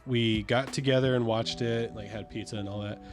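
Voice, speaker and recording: A man's voice: mid-range voice, fairly even intonation, a little fast. Guy ranting opinions on a podcast, faint music underneath. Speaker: podcast co-host. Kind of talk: casual chat.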